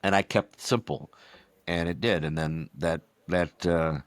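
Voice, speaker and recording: This podcast guest, a retired umpire in his sixties, has a low voice, a steady tone and a measured pace. He rambles through anecdote after anecdote in casual conversation, acting out what others said.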